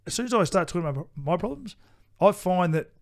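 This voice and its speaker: A man's voice: high voice, animated, quick pace. A middle-aged Australian man co-hosting a podcast, chatting casually and bluntly, swearing often and restarting his sentences. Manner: blunt, swears freely, repeats himself. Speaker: podcast co-host. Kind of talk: casual chat.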